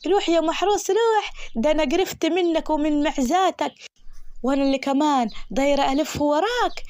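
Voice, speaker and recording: A woman's voice: sits high, darkish tone, voice pushed up, lightly acted. A woman playing Fahima, a whiny village girl. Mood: fed up. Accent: Egyptian Arabic. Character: naive lovestruck village girl, simple and pleading.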